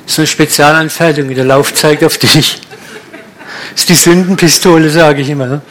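Mann, Prediger, direkter Ton, etwas höhere Stimme, Predigt mit Folien. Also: male voice, a little high, steady tone, a little fast, a bit bright, slight background noise. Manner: direct, colloquial, blunt preaching. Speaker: preacher. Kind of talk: sermon with slides.

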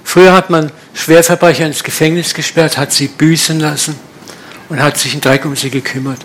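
Predigender Mann, direkt und umgangssprachlich. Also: male voice, on the high side, fairly even intonation, a little fast, fairly bright tone, a little hiss or hum. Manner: direct, colloquial, blunt preaching. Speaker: preacher. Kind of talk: sermon with slides.

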